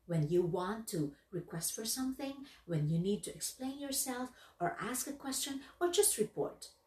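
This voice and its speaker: A woman giving instructional narration on workplace skills in a lively, emphatic, instructive way. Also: fairly high pitch, normal speed. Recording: echoey room, voice from far off.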